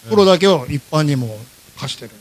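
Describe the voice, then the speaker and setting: Lively Kansai-accented man telling stories. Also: on the high side, brisk, crowd noise. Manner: animated, acts out his own and others' lines. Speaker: podcast host. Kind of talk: casual storytelling chat.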